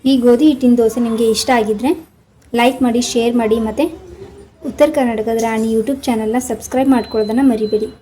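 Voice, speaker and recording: Woman with a mellow, higher voice. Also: fast, slight background noise, poor audio. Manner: calm step-by-step instructing, addresses viewers directly. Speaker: cooking channel host. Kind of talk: cooking demonstration voice-over.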